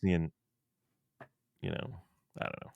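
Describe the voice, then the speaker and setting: A man's voice: slow pace, dry recording, dull audio. A young man streaming casually with a friend, rambling with lots of fillers and frequent laughs. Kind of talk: casual chat.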